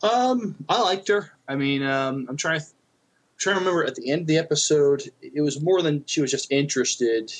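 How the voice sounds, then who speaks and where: A man co-hosts a podcast, casually chatting about television in a TV review conversation and often hesitating while he hunts for words. His voice is fairly high and fairly quick, captured on a rough recording.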